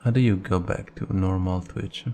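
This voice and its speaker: A man's voice: low voice, fairly even intonation, moderate pace, vocal fry, dark tone. A man hosting a game livestream, chatting casually and muttering asides as he plays. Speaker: game streamer, host. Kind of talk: casual livestream chat and gameplay commentary. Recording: faint background music.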